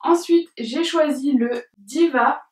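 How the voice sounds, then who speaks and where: A woman's voice: high voice, takes it slowly. A young woman chatting casually in a beauty tag video, hesitant with many fillers and giggles, filmed at home by a camera at some distance. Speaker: beauty vlogger. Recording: roomy sound from a distance.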